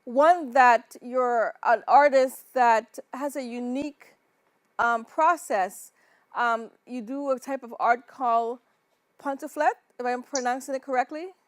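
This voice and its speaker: Female interview host, high voice, dry close sound, deliberate questions. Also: no echo. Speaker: show host. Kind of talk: hosted interview.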